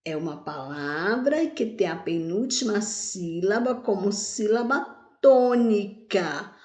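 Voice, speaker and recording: A woman's voice: medium pitch, lively intonation, slow, a little mellow. A woman teaching grammar, stretching words out syllable by syllable and answering her own questions. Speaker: Portuguese teacher. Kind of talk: grammar lesson. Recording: echoey room.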